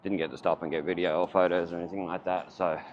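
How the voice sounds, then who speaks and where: A man's voice: sits low, level tone, fast talker. A man with an Australian accent, muffled by a face mask, rambling casually as he films a walking vlog outdoors. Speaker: vlogger. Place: outdoors, walking along town streets. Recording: muffled, dull audio with faint outdoor noise. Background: faint outdoor ambience.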